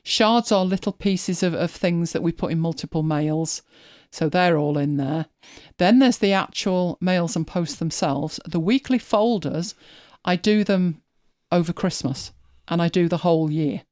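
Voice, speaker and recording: A woman's voice: lowish voice, measured pace, hardly any pauses, a little mellow, dry recording, studio quality. A woman hosting a live stream, chatting casually as she walks viewers through her screen, thinking aloud and often restarting her sentences. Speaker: host.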